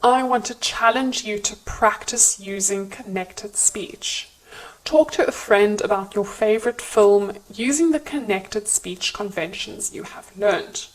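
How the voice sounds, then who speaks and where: A woman with a British accent teaching English pronunciation in a careful, clearly enunciated scripted lesson. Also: mid-range voice, a little slow, poor audio.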